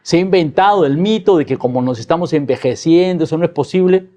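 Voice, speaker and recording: A man's voice: a little high, lively intonation, quick pace, warm tone. A man, a guest in a political discussion, arguing emphatically and ending his points with tag questions.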